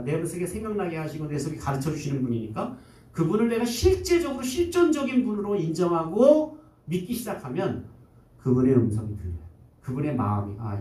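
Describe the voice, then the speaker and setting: A male pastor preaching with a mellow, fairly high voice that jumps from loud exclamations to hushed, low asides. He sounds set back from the microphone, and the room around him is echoey, like a church sanctuary. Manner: swings from loud exclamations to low soft quoting. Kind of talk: sermon. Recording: echoey room, voice from far off the mic.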